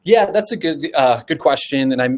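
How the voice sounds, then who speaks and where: A man with a slightly high, animated voice and a darkish tone speaks at normal speed as a guest panelist in a casual webinar. He's a customer support expert at a software company, and he talks informally, saying "like" a lot and posing rhetorical questions as he thinks.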